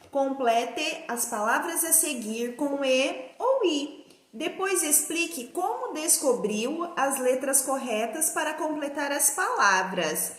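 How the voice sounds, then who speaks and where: Woman, high voice, patient teacher drawing out words, echoey room. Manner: slow, patient, stretches out words for pupils. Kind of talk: recorded remote grammar lesson.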